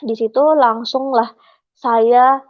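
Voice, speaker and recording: A young woman, shy and hesitating often, gives a lengthy personal testimony as an interview guest. Her fairly high voice is slow with little pitch movement, and the recording is dry and slightly dull, with no room sound.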